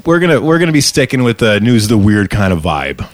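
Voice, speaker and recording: A man's voice: on the low side, very animated, brisk, no room sound. A man co-hosting a podcast, chatting casually and joking as he reads out weird news, often trailing off mid-sentence. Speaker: podcast co-host reading news. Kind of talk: casual chat.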